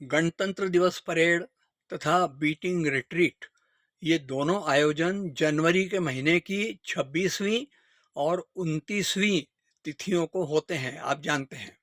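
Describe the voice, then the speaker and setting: Guy announcing on the radio, slow and formal, pitch a bit high, dry studio sound. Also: fairly bright tone, dry recording. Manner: measured, formal presenting.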